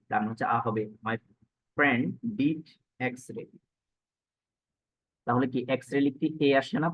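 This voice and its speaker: A man teaching English grammar, patiently asking and answering his own questions and slowing down to read example sentences. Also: medium pitch, no echo. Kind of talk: explaining grammar rules. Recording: dry, tinny phone-like sound.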